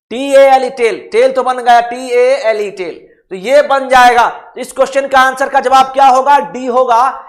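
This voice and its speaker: A man teaching reasoning in a casual live online lesson, often checking "okay?" and spelling words out letter by letter. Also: very high voice. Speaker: online exam-prep teacher.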